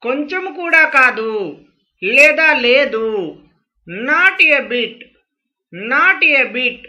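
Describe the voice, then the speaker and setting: A woman's voice: high voice, lively intonation, drawn-out words, pushed and bright. A woman acting as a language teacher, reading short phrase drills and carefully saying each English phrase twice. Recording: dull lo-fi recording.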